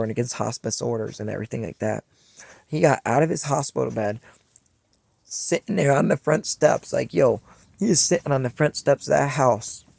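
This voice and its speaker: Gravelly young man telling his story. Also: mid-range voice, darkish tone, dry recording. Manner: rambling, heartfelt, acts out past dialogue. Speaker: vlogger. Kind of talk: casual personal storytelling.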